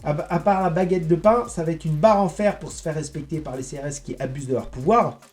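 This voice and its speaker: A man giving a rambling, indignant monologue to his viewers, halting and restarting as he goes. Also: a little high, a little mellow. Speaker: online political commentator.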